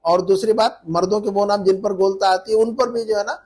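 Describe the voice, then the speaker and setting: A man's voice: high-pitched, steady tone, brisk, a little mellow, slight background noise. A man teaching a live class, patient, repeating words to drill pronunciation. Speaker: Arabic teacher.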